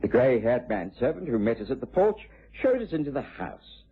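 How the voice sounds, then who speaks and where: An actor playing an amiable, articulate British gentleman doctor, acting and narrating in a period radio drama. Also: mid-range voice, very animated, slightly rough, full character voice. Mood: reminiscing. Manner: measured, articulate, genteel. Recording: tinny vintage radio broadcast, faint music.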